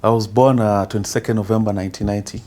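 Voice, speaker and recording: A Kenyan man in his thirties, a guest calmly telling his life story in a casual interview. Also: on the low side, very fast. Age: 30s.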